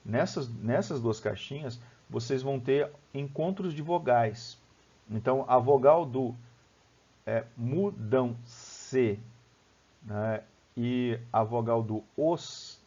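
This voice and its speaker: A Brazilian man explains poetry as a teacher, his voice husky and breathy at a middle pitch. He keeps checking in with his listeners as he walks them through each step. The home recording sounds dull and lo-fi. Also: a little mellow. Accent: Brazilian Portuguese. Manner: explanatory, lots of "né?" and "ó". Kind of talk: online lesson on poetry.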